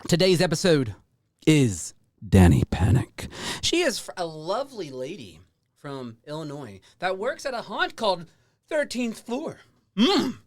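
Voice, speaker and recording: A man's voice: high-pitched, wildly swooping pitch, measured pace, no echo, clean studio sound. A man hosting a podcast with effusive, casual talk that repeats itself and slips into hyped announcing and swearing. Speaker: podcast host.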